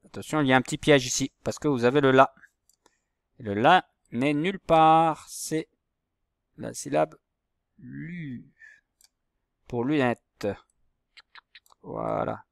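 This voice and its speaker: Pausing often and never hurrying, a primary school teacher with a gravelly, mid-range voice spells out letters and syllables for young pupils. The recorded handwriting and reading lesson has clean studio sound with no echo.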